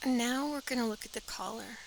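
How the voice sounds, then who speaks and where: A woman's voice: on the high side, fairly quick, vocal fry, slight background noise, rough recording. A woman teaching a step-by-step sewing pattern drafting tutorial, practical and talking as she works, often dropping to an airy half-whisper.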